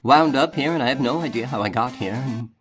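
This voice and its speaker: A man's voice: medium pitch, a little fast, soft background music, pitched above the performer's own voice, lightly acted. A man voicing a tired, polite male fish-creature castaway who speaks formally. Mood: weary.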